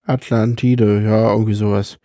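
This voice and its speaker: A man's voice: fairly low pitch, flat delivery, moderate pace, dark tone, no room sound. A man chatting casually, adding dry, joking asides. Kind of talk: casual chat about theme parks.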